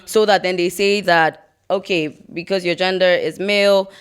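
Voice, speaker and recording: A woman's voice: lowish voice, fairly even intonation, normal speed, clear, resonant tone. A young adult woman from Ghana, co-hosting a podcast and explaining her views thoughtfully at length. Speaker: podcast co-host. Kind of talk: casual podcast chat.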